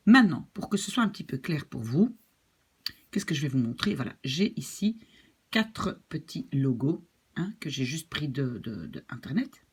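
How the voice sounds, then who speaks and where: A woman's voice: sits low, slightly rough. A woman with a Belgian French accent, a language teacher who explains step by step and demonstrates sample phrases. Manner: explains slowly with spoken demonstrations in another language. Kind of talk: video language lesson.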